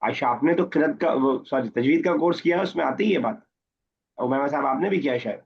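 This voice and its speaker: Male Arabic teacher, mid pitch, husky, slow recitation and plain explanation, dull lo-fi line. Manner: reads the Arabic slowly, then explains in Urdu and quizzes students. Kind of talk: online class lesson, word by word. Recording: muffled lo-fi online class audio.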